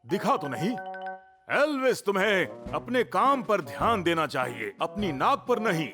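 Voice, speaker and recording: A man's voice: sits high, very animated, measured pace. A man voicing a fussy older fire station boss in a cartoon dub, bossy and scolding. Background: faint music.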